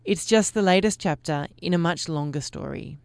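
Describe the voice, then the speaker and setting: A woman presenting a radio news program in a measured, formal way. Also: lowish voice, gravelly, clean tone, dry recording.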